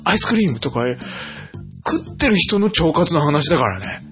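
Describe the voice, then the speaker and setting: A man's voice: a little high, very animated, moderate pace, fairly bright tone, soft background music. A man co-hosting a chat podcast, teasing his partner with dry jokes. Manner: teasing, dry joking asides. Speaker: podcast co-host. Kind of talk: casual chat.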